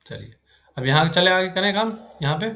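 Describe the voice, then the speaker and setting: A man's voice: sits high, lively intonation, moderate pace, bright, forceful tone. A man teaching Sanskrit grammar to a live class, who quizzes his students and keeps checking whether they have understood.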